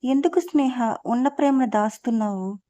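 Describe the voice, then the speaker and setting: A woman reading the part of a badly injured young man speaking gently to the woman he loves. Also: a little high, moderate pace, dry recording, lightly acted. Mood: weak tender.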